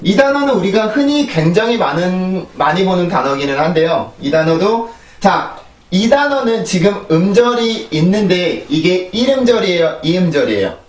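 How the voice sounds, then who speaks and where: Male pronunciation teacher, fairly high voice, slightly distant from the mic, patient drills. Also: sing-song, normal speed. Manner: explains patiently and models words by repetition. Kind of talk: pronunciation lesson. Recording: echoey room, voice a bit off-mic.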